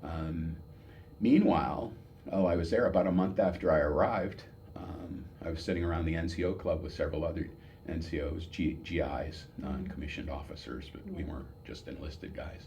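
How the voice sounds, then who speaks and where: Male, 70s, American. Old veteran reminiscing in oral-history interview; deep, soft-edged tone, unhurried searching delivery with repeats, faintly noisy recording. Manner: halting, reminiscing, with pauses and repeated words. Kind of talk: old veteran remembering, unscripted personal storytelling.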